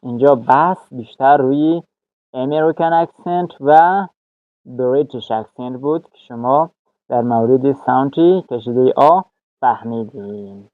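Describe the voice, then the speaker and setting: Guy teaching english vowels, slow, lots of uhs, repeats words, tinny dry phone-like sound. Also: medium pitch, dry recording. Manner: slow, halting, with frequent "uh" fillers; repeats example words slowly. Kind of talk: pronunciation lesson.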